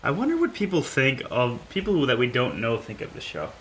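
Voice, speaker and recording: A man hosting a podcast in a loose, casual chat. He talks haltingly, with plenty of fillers as he works things out, and a faint hiss of noise sits behind him. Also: medium pitch, huge pitch swings, a bit bright, rough recording. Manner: halting, filler-heavy, thinking aloud. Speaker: podcast host.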